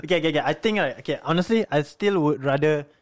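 A man's voice: a little high, fast talker, no room sound, clean studio sound. A young man with a Singaporean accent in casual, bantering chat, speaking colloquial Singlish with Malay slang.

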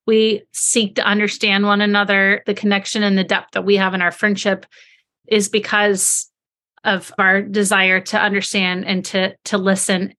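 A woman with a bright, clear-edged voice at a medium pitch. She talks as a podcast co-host in an earnest, reflective way, putting her thoughts together unscripted. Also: flat delivery, moderate pace.

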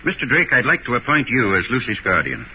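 An actor playing a formal, hesitant, fretful older millionaire in an old radio mystery. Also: male voice, mid-range voice, huge pitch swings, fairly quick, bright, forceful tone, exaggerated voice. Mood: courteous, resigned. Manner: formal, hesitant, matter-of-fact. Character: fretful, courtly older millionaire fearing his own murder. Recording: slightly noisy old radio recording.

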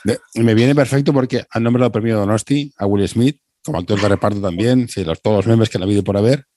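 A man's voice: on the low side, fast talker, warm tone, slight background noise. A man, hosting a casual conversation and dropping wry joking asides. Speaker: podcast host.

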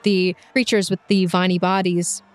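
A woman running a tabletop game, improvising descriptive narration with pauses between phrases. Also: lowish voice, little pitch movement. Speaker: game master. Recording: music behind the voice.

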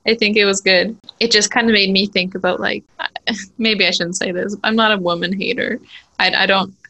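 A woman's voice: mid-range voice, fairly even intonation, normal speed, bright, forceful tone. Chatty young woman podcast host. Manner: chatty, laughs often, many "like" fillers. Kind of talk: casual chat.

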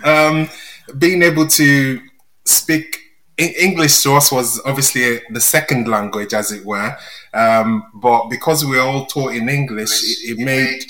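A man talks as a guest on a casual podcast. His voice is bright and forward, and he takes his time, pausing often with "um" between thoughts. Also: mid-range voice, roomy sound, rough recording. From Nigeria.

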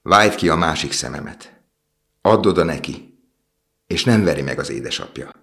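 A gentle, sorrowful prince from a storybook, imploring and selfless, voiced by a man reading aloud. His voice sits extremely low and deep, kept close to the reader's own plain tone. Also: lively intonation, creaky, full character voice.

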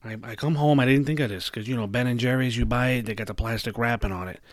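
A man's voice: mid-range voice, quick pace, no echo, clean studio sound. Young man ranting, swearing nonstop. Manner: heavy swearing, animated storytelling. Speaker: podcast host. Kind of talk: casual profane rant.

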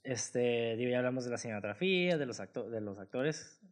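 A man's voice: medium pitch, lively intonation, brisk. A man with a Mexican accent co-hosts a casual film review chat. He talks in a laid-back, slangy way full of filler words. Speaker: podcast co-host.

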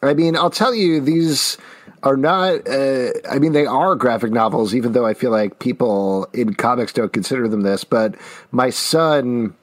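A man's voice: mid-range voice, moderate pace. A middle-aged man hosting a show, reading out audience questions and chatting casually. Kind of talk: casual chat.

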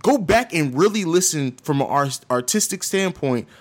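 A man's voice: fairly high pitch, animated, normal speed. Opinionated man making his case. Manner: opinionated, lays out arguments at length. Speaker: podcast co-host. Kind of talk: casual chat.

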